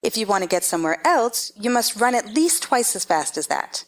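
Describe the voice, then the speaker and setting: A woman's voice: on the high side, big pitch swings, normal speed. A woman playing a haughty, bossy chess-piece queen who gives imperious, scolding orders in a theatrical stage-play reading. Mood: brisk, condescending. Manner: imperious, clipped commands, scolding.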